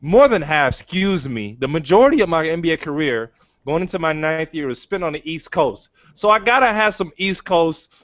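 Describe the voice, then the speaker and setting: A man's voice: fairly high pitch, lively intonation, normal speed, fairly bright tone, no room sound, highs cut off. Argumentative man in his thirties. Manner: argumentative, laughs a lot, stumbles over words. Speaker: guest, pro basketball player. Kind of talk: casual sports debate.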